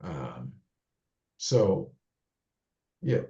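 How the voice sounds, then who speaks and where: A man speaking at an online meeting, thinking aloud with many pauses and fillers. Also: deep voice, sing-song, vocal fry, warm tone, echoey room, lo-fi sound. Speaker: guest speaker.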